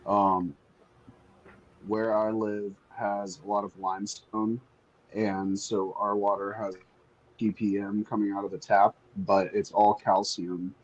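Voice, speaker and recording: Low, monotone, husky man on a bad call connection, his audio stuttering and dropping out as he talks. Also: dull audio. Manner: halting, restarts mid-sentence. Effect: choppy call audio that cuts out. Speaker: remote guest on a call. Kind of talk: casual chat.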